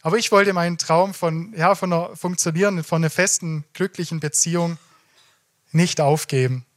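A man narrating his own story slowly, with halting, stammering pauses. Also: on the high side. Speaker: show participant.

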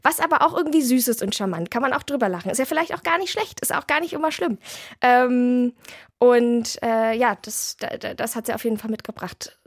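A woman's voice: fairly high pitch, animated, brisk, no room sound, studio quality. A woman author answering interview questions in a candid, chatty way with many fillers and restarts.

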